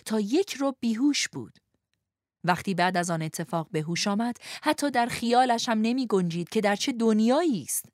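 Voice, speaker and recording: A woman narrating a storybook aloud, gently and expressively, speaking to young listeners. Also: medium pitch, dry recording, clean studio sound. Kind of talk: storybook reading.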